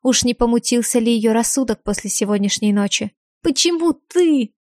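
A woman narrating a novel in the first person, in an even, measured way. Her voice sits fairly high. It is recorded dry and close. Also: no echo. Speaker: audiobook narrator.

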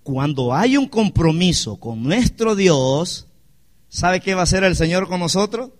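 A man's voice: sits high, lively intonation, unhurried. A male pastor, preaching a sermon with rhetorical questions to his congregation.

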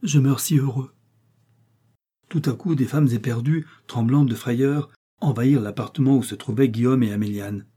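Give me a man narrating a historical romance in a measured, expressive way. The voice is warm and dark, with a soft husk. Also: mid-range voice, breathy edge. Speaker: audiobook reader. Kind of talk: dramatic novel reading.

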